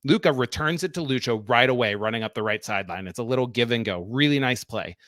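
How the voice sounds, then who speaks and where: A man co-hosting a soccer talk show, walking through each play in detail with a steady, explanatory delivery. His voice sits at an ordinary middle pitch and sounds dry and close to the mic. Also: fast, no echo. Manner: explanatory, talks through plays step by step. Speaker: co-host, soccer analyst. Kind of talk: tactical breakdown, casual podcast talk.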